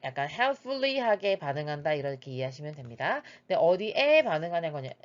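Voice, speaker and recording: A woman's voice: low voice, very animated, brisk. A woman teaching English, going through an exam reading passage line by line in a patient, methodical way with frequent "uh" fillers. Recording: slightly dull lo-fi recording.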